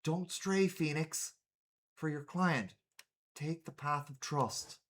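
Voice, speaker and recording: A streamer voicing a calm, gentle female spirit who guides softly in a game read-through. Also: mid-range voice, slow pace, natural voice.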